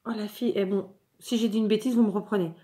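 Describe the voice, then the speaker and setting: A woman's voice: mid-range voice, steady tone, fast talker, dark tone. A French woman vlogger chatting casually while showing scrapbooking mail, with many fillers and restarts. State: clearing her throat, something in the throat.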